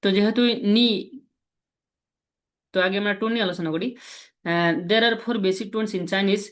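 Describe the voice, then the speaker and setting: A man teaching a language lesson, patiently explaining and repeating example syllables slowly. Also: high-pitched, steady tone, fairly bright tone.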